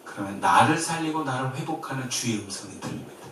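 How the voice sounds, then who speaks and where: Korean pastor preaching in an echoey church. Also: male voice, mid-range voice, fast, recorded from a distance, slight background noise. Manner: lively, shifts between loud and soft, quiet gentle quoted comfort. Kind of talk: sermon. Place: church sanctuary.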